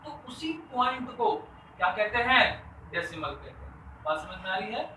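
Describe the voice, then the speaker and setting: High bright-voiced male math teacher. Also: animated, normal speed. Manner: repeats questions to students and answers them himself; Hindi with many English math terms. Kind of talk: classroom lesson explaining to students. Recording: echoey room, voice a bit distant from the mic, faint background noise.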